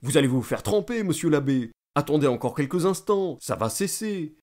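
A man voices a pompous, talkative middle-aged state councillor who eagerly lectures and boasts with self-importance. The performance sits on the high side, above his own natural voice, very animated with a darkish tone, at normal speed.

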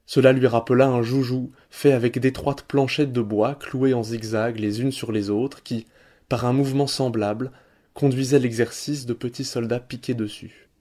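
Mellow-voiced male story narrator. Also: medium pitch. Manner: measured, expressive storytelling. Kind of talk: literary audiobook reading.

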